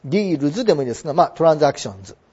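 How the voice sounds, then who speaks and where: A man explaining English vocabulary in a chatty lesson, slowing down to spell out words. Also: a little high, expressive, a little mellow, breathy edge. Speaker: English teacher. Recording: dull lo-fi recording.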